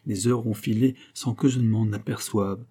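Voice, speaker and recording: A man narrating a first-person novel in a measured, intimate style. His voice is low and mellow, with a husky, slightly breathy edge. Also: fairly even intonation. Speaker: audiobook narrator.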